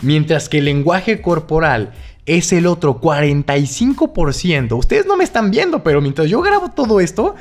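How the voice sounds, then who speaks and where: A man's voice: fairly high pitch, big pitch swings, moderate pace, soft background music. A man with a Mexican Spanish accent hosting a podcast, coaching on sales in a casual, joking, chummy monologue.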